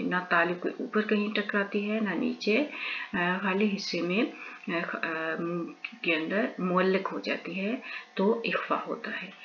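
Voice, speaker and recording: A woman's voice: fairly low pitch, muffled recording, slight background noise. A woman teaching Quran recitation online. She explains the lesson to viewers, then spells out letters and vowel marks syllable by syllable and joins them. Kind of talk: slow spelled-out recitation drill.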